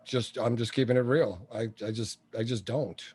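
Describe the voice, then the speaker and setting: A man's voice: medium pitch, steady tone, normal speed, darkish tone, husky. A man in his sixties, a guest entrepreneur and coach, talking bluntly and telling jokey stories in a casual interview. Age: 60s. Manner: blunt, joking storyteller.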